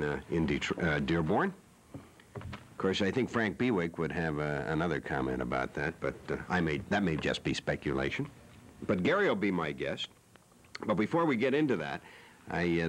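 Lively low-voiced joking male TV host. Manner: playful, teasing. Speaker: talk show host. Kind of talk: joking, rambling TV talk. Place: cable TV studio.

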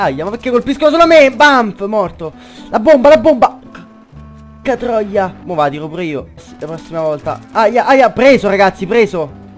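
A young man doing excitable gameplay commentary, swearing a lot and shouting in bursts. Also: high voice. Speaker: gaming YouTuber.

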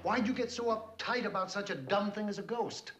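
An actor playing a wry, sarcastic middle-aged man in a 1970s sitcom, with a sardonic, quick delivery. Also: high voice, a bit bright. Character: wry middle-aged boss, sarcastic toward his wife. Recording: hissy old TV soundtrack.

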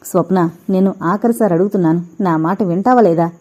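A woman's voice: mid-range voice, brisk, warm tone, natural voice. Woman reading a proud, furious young man. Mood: angry. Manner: stern, barely holding back anger. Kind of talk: audiobook character reading. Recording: dull lo-fi recording.

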